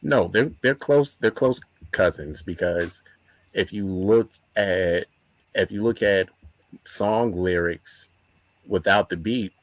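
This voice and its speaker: A man's voice: deep voice, slow pace, no room sound. A man answering interview questions as a spoken word artist, reflective and building emphasis through repeated phrases. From born in Nigeria, grew up in the United States.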